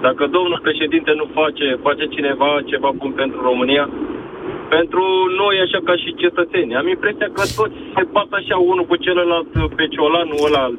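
A man calling into a radio show from his car on hands-free, hesitant and full of fillers. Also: fairly high pitch. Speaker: caller. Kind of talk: call-in political opinion. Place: driving in a car in city traffic. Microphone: hands-free phone. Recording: tinny phone line with car noise.

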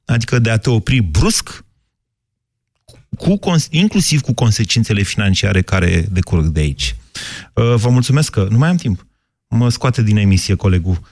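A man's voice: on the low side, very animated, darkish tone. A man hosting a radio call-in show, questioning callers bluntly.

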